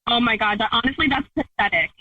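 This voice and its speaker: A woman's voice: on the high side, animated, fast talker, husky, no echo. A woman speaks over a narrow, tinny phone line, her voice dry and close. She is blunt and accusing, cutting straight to the point. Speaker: caller confronting her fiance. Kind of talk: phone call on a radio show.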